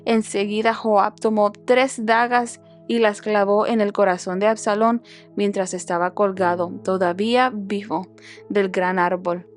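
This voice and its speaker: A woman reading a Bible passage aloud for a podcast in a steady, measured storytelling voice. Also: fairly high pitch. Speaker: Bible reader, podcast host.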